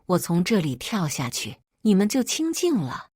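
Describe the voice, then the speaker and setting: A woman's voice: on the low side, huge pitch swings, moderate pace, darkish tone, slightly rough, no echo, clean studio sound, full character voice. A woman voicing a melodramatic young sister-in-law in a read-aloud family drama story, wailing theatrically.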